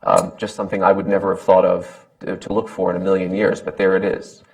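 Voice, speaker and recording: A man's voice: low voice, little pitch movement, fairly quick. A man speaking off the cuff on a panel in a hesitant, thoughtful way, often repeating words as he forms his point. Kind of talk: unscripted panel remarks.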